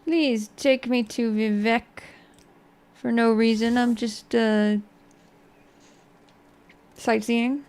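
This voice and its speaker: A woman giving casual let's play commentary in a quiet, low-key late-night manner. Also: steady tone, extremely slow, pauses often. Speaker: game streamer.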